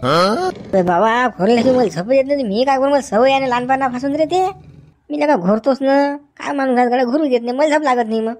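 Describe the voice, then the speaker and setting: A man's voice: very high-pitched, brisk, a little hiss or hum. A man with a Varhadi Marathi accent playing a quarrelsome village farmhand in a comedy sketch, talking in rustic banter. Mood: grumbling. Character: bickering sleepy village farmhand, male. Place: outdoors in a village field.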